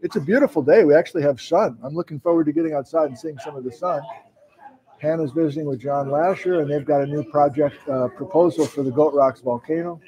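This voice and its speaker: A chatty man hosts a university geology talk livestream from a lecture room, rattling off viewers' hometowns. His voice sits a little high and sounds mellow and soft-edged. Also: fast, rough recording. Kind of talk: casual welcoming chat. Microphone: mic worn by host.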